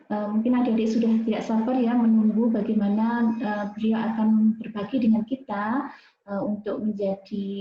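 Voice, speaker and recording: A woman moderating an online university lecture. She reads out a speaker's CV in a hesitant way, with many fillers and tag questions. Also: fairly high pitch. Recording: echoey, dull video-call audio.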